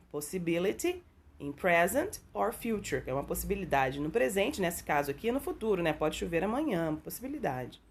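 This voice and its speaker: Husky-voiced woman teaching English. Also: medium pitch. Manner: patient, explains step by step with frequent "tá?" and "né?"; reads English example sentences slowly and deliberately. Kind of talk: explanatory video lesson.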